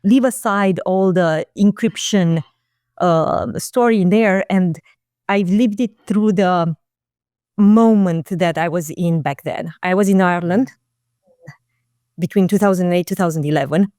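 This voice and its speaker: A woman, a guest talking casually and reflectively in an interview, often pausing on fillers and restarting phrases. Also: on the low side, mellow, dry recording, clean studio sound. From Romania. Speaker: guest, marketing executive.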